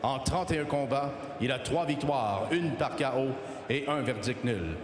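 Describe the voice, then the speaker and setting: A man working as a boxing ring announcer, formal and ceremonious, drawing out names over an arena sound system. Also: medium pitch. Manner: ceremonious, measured, drawn-out delivery. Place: large indoor boxing venue. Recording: echoey arena PA, noisy hall.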